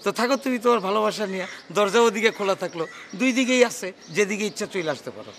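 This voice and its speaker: An actor playing a sarcastic bachelors' club member who taunts an old friend, in a television drama. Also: male voice, sits high, animated, racing, gravelly.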